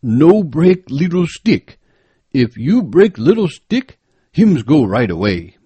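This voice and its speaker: A man voicing a cautious male jungle guide who talks in loud, hushed, broken English. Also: fairly high pitch, very animated, takes it slowly, husky, dry recording, voice pushed up, exaggerated voice. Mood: urgent hushed.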